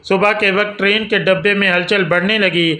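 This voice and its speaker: A man telling a romantic audio novel in the first person, in steady, scripted storytelling. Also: high-pitched. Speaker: narrator.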